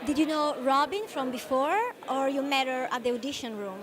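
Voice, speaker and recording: A woman's voice: sits high, fairly quick. A woman working as a red carpet host, interviewing a guest at a film festival. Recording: crowd chatter behind, outdoor event. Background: crowd chatter.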